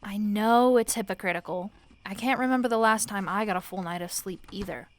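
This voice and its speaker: A weary, sleepy woman voices a wry roommate who can't sleep in a quiet audio roleplay. She speaks at a medium pitch in a natural voice, her delivery casual, halting and subdued, sprinkled with affectionate, deadpan teasing.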